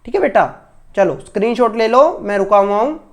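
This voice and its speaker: A man's voice: sits high, animated, moderate pace. A male school teacher giving an online maths lesson to children, patient and repetitive, often checking that his pupils have understood. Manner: addresses pupils fondly as children. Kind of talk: online class lecture for children.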